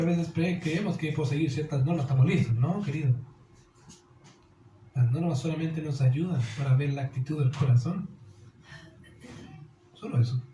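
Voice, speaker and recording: Man, pastor's sermon, fairly high voice, mellow tone, echoey hall. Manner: earnest preaching, calls listeners "dear", asks rhetorical questions. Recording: echoey hall with faint noise.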